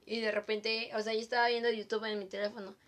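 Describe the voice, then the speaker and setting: A woman with a Mexican Spanish accent chats with a co-host, laughing often. Her voice is a little high. She acts out the voices when she tells a story. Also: level tone, quick pace, fairly bright tone. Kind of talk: casual chat.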